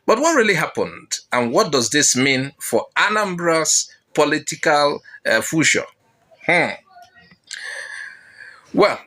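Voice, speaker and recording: Man, news commentary, bright voice, animated delivery. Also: a little high. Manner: dramatic rhetorical questions.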